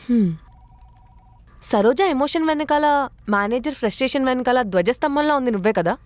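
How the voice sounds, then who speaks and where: An actress playing a teasing, quick-tongued colleague and friend. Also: female voice, high-pitched, animated, no room sound. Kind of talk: web series acting.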